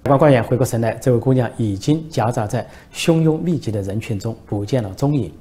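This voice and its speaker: Man hosting a commentary show, telling a joke story, darkish mellow voice, steady pace. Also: medium pitch, fairly quick. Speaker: political commentary host.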